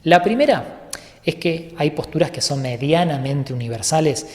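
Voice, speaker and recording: A man's voice: on the high side, normal speed. Man teaching yoga in an echoey room. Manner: calm, methodical explaining, sometimes correcting himself mid-sentence. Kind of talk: online course lecture.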